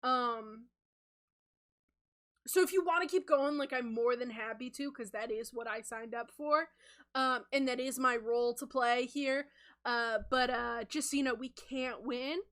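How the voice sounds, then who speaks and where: A self-aware cartoon seagull henchman in a rainbow hat, put on by a woman. The voice is high and bright, chatty and matter-of-fact, arguing its point with exasperated frankness. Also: measured pace. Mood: candid. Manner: exasperated, then frankly reasoning.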